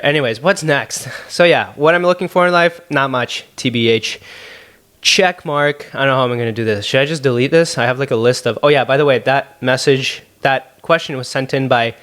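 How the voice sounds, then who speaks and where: A man's voice: medium pitch, moderate pace, fairly bright tone. A young man from Canada with a Canadian accent, hosting a solo podcast Q&A from his apartment in a rambling, jokey, sarcastic way. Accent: Canadian English. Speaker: podcast host. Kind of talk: solo podcast Q&A, casual chat. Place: apartment room at home.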